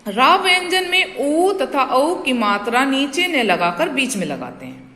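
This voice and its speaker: A woman's voice: high-pitched, sing-song, measured pace, bright, forceful tone. A woman teaching a school grammar lesson, explaining patiently, stretching out example sounds and checking that students follow. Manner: addresses students as "beta". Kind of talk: classroom-style grammar lesson. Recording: echoey room with long reverb.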